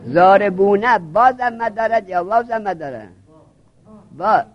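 Teacher, male, high pitch, drills and prods students through a grammar lesson; dull lo-fi recording. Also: lively intonation.

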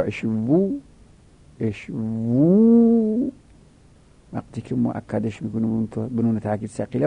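A man's voice: on the low side, vocal fry, mellow, breathy edge, dry recording. A middle-aged man teaching a grammar lesson, reciting word forms in rhythmic drills and rising with emphasis on key points.

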